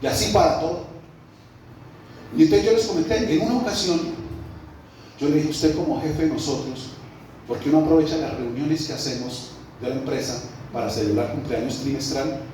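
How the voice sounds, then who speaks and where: A pastor with a Colombian accent preaches a sermon, his fairly high voice ringing through a very echoey church hall. He sits back from the mic, and a faint hiss runs under his easy storytelling. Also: moderate pace, pauses often, a little mellow. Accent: Colombian Spanish. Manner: storytelling preacher, conversational, addresses the congregation as brother. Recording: roomy echo, mic at a distance, faint background noise.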